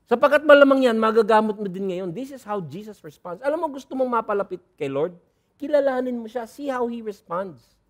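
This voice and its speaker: Guy pastor preaching, pretty high voice, goes soft then loud, mixes in english. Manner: lively preaching, switching between soft asides and loud bursts. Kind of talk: sermon.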